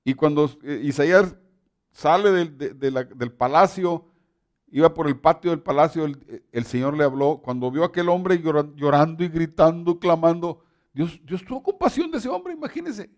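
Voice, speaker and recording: A male preacher delivers a sermon in a fairly high voice. He talks emphatically, often doubling words and restarting his sentences as he builds his points. His loudness rises and falls with his emphasis. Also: steady tone, normal speed.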